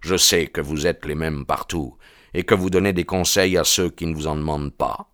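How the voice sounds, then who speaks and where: A man's voice: rumbling low, steady tone, normal speed, a bit bright, no room sound, clean studio sound. A man playing a defiant, growling young stranger. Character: hot-tempered young male stranger, defiant.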